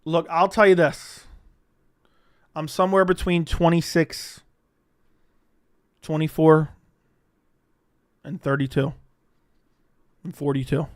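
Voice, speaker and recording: A man's voice: a little high, flat delivery, slow, long pauses. A young man hosting a casual livestream, rambling and swearing freely as he answers questions from the chat. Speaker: livestream host.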